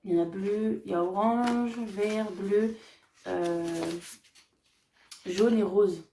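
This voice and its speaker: A woman vlogger casually showing off her craft shopping haul, chatty and hesitant, often pausing on fillers as she describes each item. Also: medium pitch, mellow, far from the mic, a little hiss or hum. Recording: echoey room, voice off-mic.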